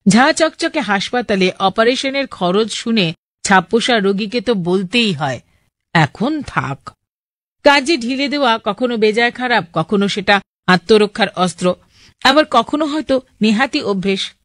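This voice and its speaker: A woman radio presenter, reading listeners' letters aloud in a steady, clear voice. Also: fairly high pitch, normal speed, dry recording, clean studio sound.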